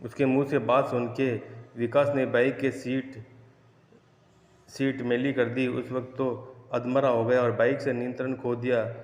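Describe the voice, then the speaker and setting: A man narrating horror stories in a measured, steady manner, recorded in an echoey room. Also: mid-range voice. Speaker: storyteller. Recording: echoey room with long reverb.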